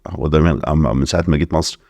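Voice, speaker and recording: A middle-aged man from Alexandria with an Egyptian accent, a guest in a casual podcast interview, talking quickly and slipping English phrases into his speech. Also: very deep voice, steady tone, a little mellow, no echo. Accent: Egyptian Arabic. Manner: rapid talk mixing in English phrases. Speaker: investor guest.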